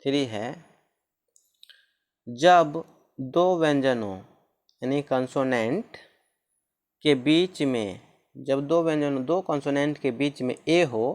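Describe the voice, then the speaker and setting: A man teaching a lesson on pronunciation rules, repeating each rule and spelling out words letter by letter. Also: medium pitch.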